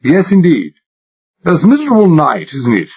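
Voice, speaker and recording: A man performs a male undercover agent posing as a posh English secretary, putting on an exaggerated upper-class accent in a fussy, chattering, mock-polite, affected way. His voice is pushed above his own natural pitch, on the high side, wildly swooping, a little mellow and husky, at normal speed, on a dull lo-fi recording.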